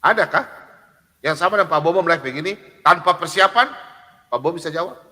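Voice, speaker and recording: Emphatic high-voiced man preaching live. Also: fairly quick, bright, forceful tone, long reverb tail. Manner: refers to himself in the third person; emphatic, rhetorical questions, recites verses. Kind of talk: unscripted live preaching, reading scripture.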